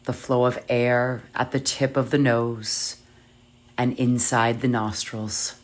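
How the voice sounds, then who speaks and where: A meditation guide leading yoga nidra in a soft, soothing, measured voice with long pauses. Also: mid-range voice, level tone.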